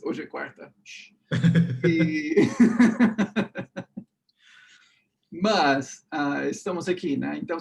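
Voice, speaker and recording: An animated English teacher and podcast host, a native English speaker, chats casually on his podcast. His voice sits fairly high and has a creaky edge, and he keeps dropping in "né?" and "tá?".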